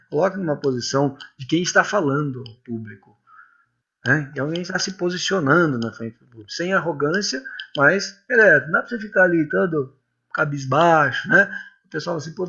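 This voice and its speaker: A man's voice: fairly high pitch, vocal fry, bright, forceful tone. A man from Brazil giving an informal lecture on public speaking, chatty and full of tag questions and little anecdotes. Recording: dull lo-fi recording.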